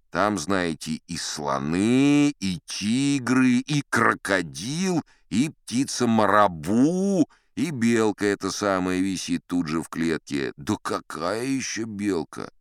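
A man's voice: on the low side, big pitch swings, takes it slowly, smooth, dry recording, clean studio sound, exaggerated voice. An actor playing a boastful old sea captain who narrates his tall tales in a chatty, sly way, often turning to the listeners. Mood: boastful yarn. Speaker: first-person narrator of an audio play. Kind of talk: theatrical storytelling, audio play.

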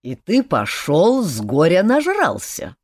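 Woman reading a gruff, scornful warrior hero. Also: lowish voice, wildly swooping pitch, slow pace, darkish tone, exaggerated voice. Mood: angry, scornful. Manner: growling, scolding, contemptuous.

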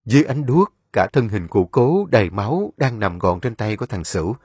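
A man's voice: on the low side, sing-song, moderate pace, a little mellow, breathy edge, no echo. A man narrating a dramatic story in a storytelling voice.

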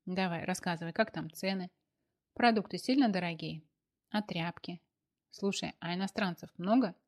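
A woman's voice: lowish voice, moderate pace. Woman doing a pushy teasing girlfriend. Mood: conspiratorial. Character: chatty bossy young woman friend.

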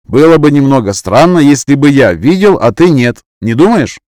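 A man's voice: mid-range voice, very animated, normal speed, a little mellow, no room sound, pitched above the performer's own voice, close to an everyday voice. A man voicing a grumpy young man who grumbles and swears, in a dry recording. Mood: grumbling. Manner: gruff, cursing, grumbling.

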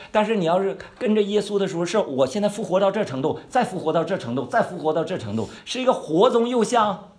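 A man giving a conversational Bible-study sermon. He asks his listeners questions and draws out key words slowly for emphasis. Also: a little high. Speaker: pastor or Bible teacher.

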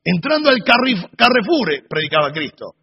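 A man teaching a Sunday school sermon, animated storytelling with humorous asides. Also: sits high, fairly quick, gravelly, slight background noise. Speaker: Bible teacher. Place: church hall. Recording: dull recording in a reverberant hall.

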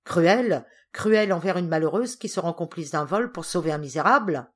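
A woman's voice: on the low side, animated, moderate pace. A woman voicing an agitated, indignant older uncle in an audiobook. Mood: angry. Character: angry stern older uncle, a man.

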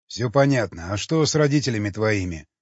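A man's voice: on the low side, fairly quick, dry recording. A man doing a sardonic cynical cannibal. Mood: cool questioning. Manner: sardonic, teasing, calmly questioning. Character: mocking cynical man, a cannibal, coolly interrogating. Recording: dull lo-fi recording.

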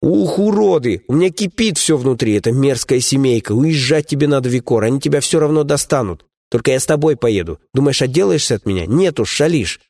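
A man's voice: medium pitch, expressive, a little fast, hardly any pauses, a little mellow, no echo, studio quality, pitched above the performer's own voice. A man voicing a fierce, cocky young woman warrior, spirited and scornful.

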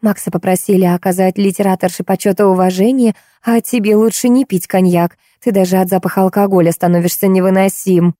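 A tired middle-aged woman, patient but worn thin, talking a hothead down in a slightly raised voice, as a woman reads her in an audiobook. The tone is warm and mellow, and the recording is close and dry. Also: mid-range voice, fairly even intonation, brisk, hardly any pauses, no echo, lightly acted. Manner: patient, then exasperated.

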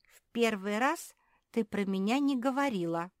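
A tiny jerboa girl who squeaks out gloomy, sulky remarks, as a woman puts her on. The voice is pitched up and small, in a close, dry read. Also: lively intonation, normal speed, dry recording, lightly acted. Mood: glum.

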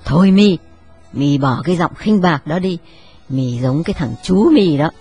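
Người phụ nữ đóng bà cụ già khó tính, giọng trầm, hay mắng mỏ, giọng miền Trung, nhạc nền nhỏ. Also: female voice, sits low, lively intonation, normal speed, mellow, soft background music. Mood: scolding. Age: older. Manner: scolding, lecturing. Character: old matriarch, stern and moralizing.

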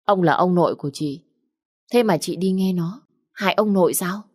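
A woman doing a calm, probing young wife. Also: lowish voice, moderate pace, no echo, studio quality, close to an everyday voice. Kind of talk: storybook reading.

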